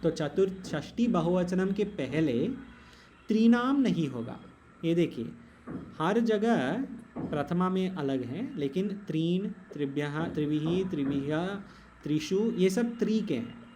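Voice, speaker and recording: Slow, patient Sanskrit grammar teacher. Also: male voice, fairly high pitch, animated, dark tone, a little hiss or hum. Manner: patient, explains slowly, switches into English. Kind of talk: online grammar class.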